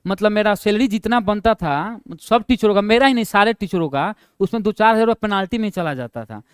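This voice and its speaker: A young male online teacher telling classroom stories in a casual, chatty way, laughing at his own tales and dropping low for quoted asides. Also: a little fast, smooth, dry recording, studio quality. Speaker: online exam-prep teacher.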